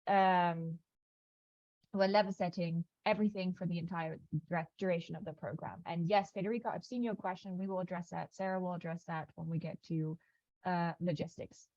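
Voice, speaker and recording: A woman walking a new cohort through a program schedule on an online call, talking quickly with frequent fillers and restarts. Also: lowish voice, fairly even intonation, a little mellow, dry recording, lo-fi sound. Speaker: program staff presenting onboarding. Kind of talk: online onboarding call walkthrough. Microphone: video call.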